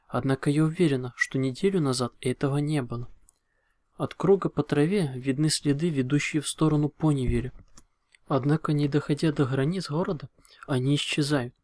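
A man's voice: fairly high pitch, a little mellow, no echo, close to an everyday voice. A man reading a formal letter written by a studious female unicorn in an audiobook.

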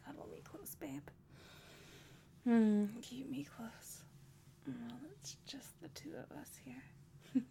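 Young woman, mostly whispered and intimate, slightly high, gravelly fry, unhurried ASMR delivery. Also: slight background noise. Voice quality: mostly whispered, soft and intimate, with gentle hums. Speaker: roleplaying a pregnant wife.

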